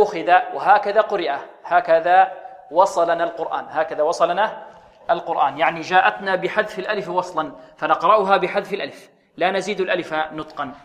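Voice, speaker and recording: A man's voice: high voice, a bit bright, dull audio. Guy teaching quran reciting, acts out right and wrong sounds, quizzes and answers himself, lots of reverb. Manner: models correct and wrong pronunciations, drawn-out chanting; asks questions and answers them himself. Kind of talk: tajweed lesson.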